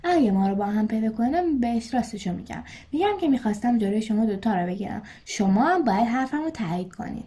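A woman's voice: fairly high pitch, lively intonation, hardly any pauses, dark tone, lightly acted. A woman doing a bossy scolding schoolgirl. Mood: anxious. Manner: preachy, scolding. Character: bossy know-it-all schoolgirl, scolding and anxious.

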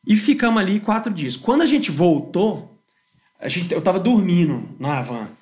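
Man, high voice, animated slangy storyteller, band musician. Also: normal speed. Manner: animated, slangy, swears freely. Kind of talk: casual podcast storytelling.

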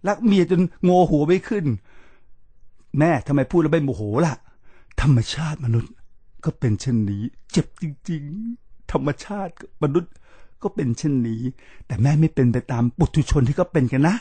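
Earnest man with a raised pitch. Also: lively intonation, normal speed, dark tone, husky, no room sound. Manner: earnest, emphatic storyteller who often addresses the listeners directly. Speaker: podcast host. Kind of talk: reflective monologue to listeners.

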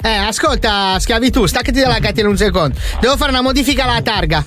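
A man's voice: very high-pitched, quick pace, a bit bright, soft background music. A man making crude comic prank phone calls, mocking and insulting people in slangy talk. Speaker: prank caller.

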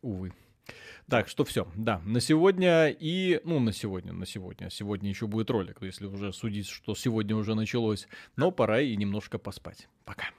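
A man co-hosting a live gaming stream, chatty and excitable, rambling with fillers as he talks. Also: on the low side, fairly quick. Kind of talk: casual live stream chat.

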